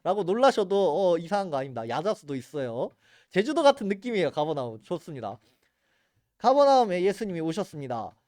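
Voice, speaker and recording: A man's voice: on the high side, sing-song, fairly quick, dark tone, no room sound, clean studio sound. A man teaching a church Bible geography class in an earnest, explanatory way. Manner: earnest, explanatory, points at maps and photos.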